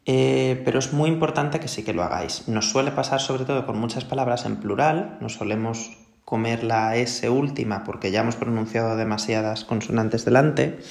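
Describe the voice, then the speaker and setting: Spanish teacher with a gravelly voice. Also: male voice, mid-range voice, moderate pace, roomy sound. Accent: Spain Spanish. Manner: patient, explanatory, checks in with frequent "¿vale?". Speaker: English teacher. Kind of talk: recorded classroom lesson.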